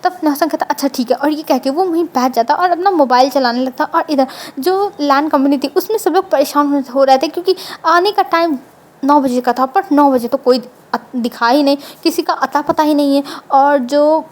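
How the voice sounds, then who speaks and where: A woman's voice: high-pitched, moderate pace. A woman narrating a fan-fiction story in a casual, conversational way, with repetitive phrasing. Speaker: fanfiction narrator.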